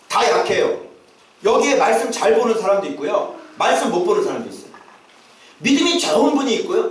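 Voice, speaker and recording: A man preaches to his congregation and now and then bursts into acted, shouted calls. His voice sits high and swings widely in pitch. It comes from a distance through a heavily echoing church sanctuary. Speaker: pastor. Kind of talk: sermon. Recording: echoey church hall, mic at a distance.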